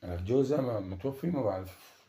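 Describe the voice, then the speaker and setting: A man talks in a dark, gravelly voice, evasive and coaxing. He speaks quickly, and his voice echoes around a roomy space. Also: fairly low pitch, animated. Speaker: husband pulling a prank. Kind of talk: prank conversation.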